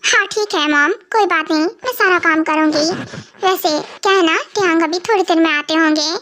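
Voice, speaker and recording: A woman voicing a quick-tempered young bride in a fan-dubbed audio story, with a snappy, irritated way of talking. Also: very high-pitched, bright, forceful tone, a little hiss or hum. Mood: polite.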